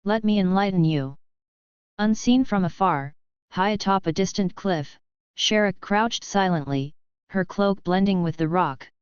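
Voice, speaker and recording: A woman narrating a fan-fiction story in a steady, measured reading. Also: mid-range voice, clear, resonant tone, no echo. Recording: slightly dull, dry recording.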